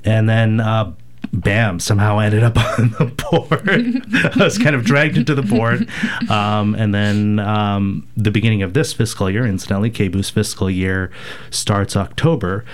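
Low-voiced man, hesitant with many ums. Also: expressive, normal speed. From rural Alberta, Canada. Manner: thoughtful, hesitant, many fillers. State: getting over a cold. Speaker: radio station board president, guest. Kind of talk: casual radio interview answers.

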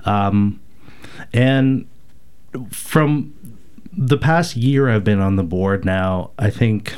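A man from rural Alberta, Canada speaks on a radio interview while getting over a cold. His voice sits low and smooth, and his answers come slowly and thoughtfully, broken up by many ums and uhs. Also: darkish tone. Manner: thoughtful, hesitant, many fillers. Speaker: radio station board president, guest.

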